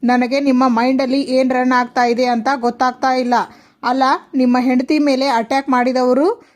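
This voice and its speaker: A woman's voice: high voice, a little mellow, natural voice. A woman voicing an earnest male police inspector who questions someone in a reproachful way.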